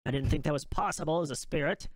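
A man's voice: fairly high pitch, fast, no room sound, voice pushed up, close to an everyday voice. A man voicing a grumpy, vengeful spirit bear in an indignant, leprechaun-like voice for a tabletop game. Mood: aggrieved. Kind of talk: tabletop role-play.

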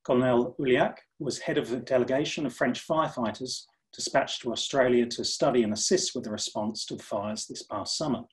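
A man moderating a webinar session, reading a formal speaker introduction in a measured way. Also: mid-range voice, poor audio. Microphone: video call.

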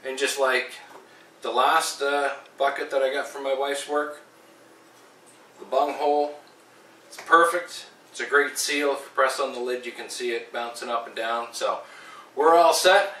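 This home brewing vlog features a middle-aged man with a head cold and blocked nose, cheerfully explaining and tasting, peppered with ums and uhs. His mid-range voice is steady, pushed and bright, at a measured pace. The low-quality recording comes from a distant mic with slight background noise, moving from his kitchen to a small room.

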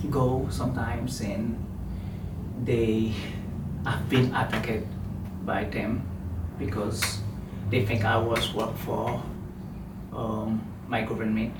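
A man from Haiti explaining in an interview why he left, halting as he searches for words. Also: medium pitch. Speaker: interviewee, refugee. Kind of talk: personal interview account. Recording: distant mic in a roomy space with loud ambient noise.

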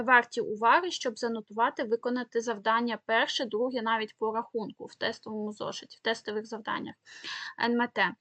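Ukrainian-accented female teacher, explanatory, slightly high, dry close sound. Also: fairly bright tone, dry recording. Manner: explanatory, many fillers and check-in "так?". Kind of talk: exam-prep lesson.

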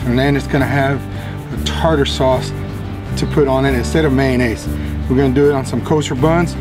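A middle-aged man, hosting a casual backyard cooking demonstration in a jolly, folksy, chatty manner. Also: medium pitch. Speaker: cooking show host. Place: outdoor backyard grilling area.

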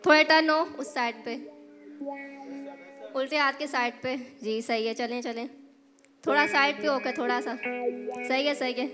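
A high-pitched woman gives calm, steady directions on a game show. Her voice echoes through a big hall. Music plays clearly in the background. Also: normal speed, long pauses.

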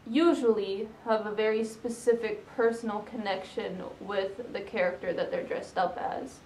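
A young woman answers questions in a casual, halting way, leaning on fillers. Her voice sits a little high. The room around her is echoey, with a faint hum of noise. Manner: hesitant, many fillers and "like". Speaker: interviewee, fursuiter.

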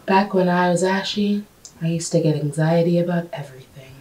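Woman playing low-voiced, anxious pharmaceutical ad testimonial woman. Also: brisk, darkish tone, close to an everyday voice. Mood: embarrassed, anxious. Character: anxious, embarrassed woman giving drug ad testimonial. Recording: echoey room, distant mic, noisy.

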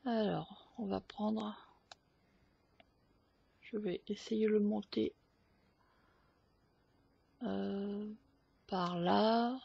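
A woman hosting a photo editing tutorial, explaining each step slowly with hesitant fillers. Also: medium pitch, fairly even intonation, creaky, breathy edge, no echo, highs cut off. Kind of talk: screen-recorded software tutorial.

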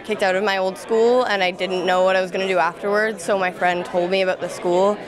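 A young adult woman, a student alumna, gives a casual interview into a handheld microphone in a busy indoor school event room, with crowd chatter behind her. Her talk is informal and youthful, heavy with "like." Her voice is medium-pitched, brisk and flat in pitch, and the audio is poor.

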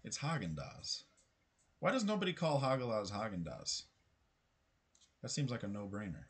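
Lively, bright-voiced male streamer. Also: fairly low pitch, normal speed. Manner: chatty, swears, talks to chat. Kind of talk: casual live gameplay commentary.

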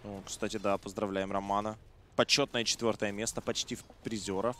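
A man's voice: fairly low pitch, flat delivery, fairly quick, sharp tone. Colloquial male esports commentator, noisy game backdrop. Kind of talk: live game commentary with casual banter.

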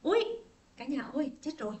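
A woman teaching a livestream pronunciation lesson, chatting with viewers and drilling each word by slow repetition, often laughing between drills, recorded indoors on a tablet microphone. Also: high voice, expressive, a little mellow. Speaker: English teacher.

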